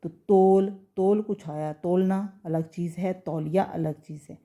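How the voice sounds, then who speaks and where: A woman teacher leads a pronunciation lesson in a low, soft, dark-toned voice. She goes through words one by one, repeating them patiently and checking that her pupils follow. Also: fairly even intonation, a little slow.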